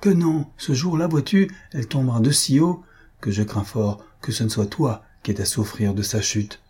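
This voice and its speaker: A man reading aloud, voicing an elderly mother who chides her son in a husky, dark voice. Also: mid-range voice, normal speed, natural voice. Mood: reproachful. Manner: wry, chiding. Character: elderly dowager mother, worried, reproachful.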